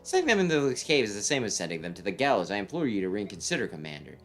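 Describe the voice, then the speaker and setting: A low-voiced man reading as a stern imperial general in a fantasy game. He is dutiful and restrained, speaking with military formality over light music. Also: very animated, very fast.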